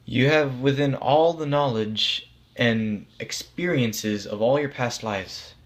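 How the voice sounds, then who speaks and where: Speaking slowly at medium pitch with light acting, this man plays God in a storybook dialogue. He's calm and reassuring, a relaxed authority figure explaining things with patience and plain matter-of-factness.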